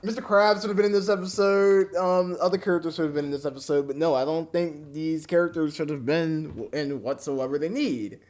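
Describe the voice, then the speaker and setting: Male reviewer, high voice, indignant webcam rant, repeats his points. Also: fairly even intonation, brisk, few pauses, a little mellow. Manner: indignant, ranting, repeats himself. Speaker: episode reviewer. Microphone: webcam mic.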